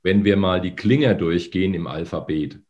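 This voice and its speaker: Male voice coach, lowish and slightly phlegmy, teaching with demonstrations. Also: normal speed, darkish tone, dull audio. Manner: instructive, demonstrates with hums and sung lines. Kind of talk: demonstrating voice exercises in a podcast.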